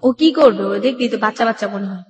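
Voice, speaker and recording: A Bangladeshi woman with a medium-pitched voice speaks fast as an interview guest telling her life story. She talks colloquially and often acts out remembered dialogue. The room is echoey with long reverb.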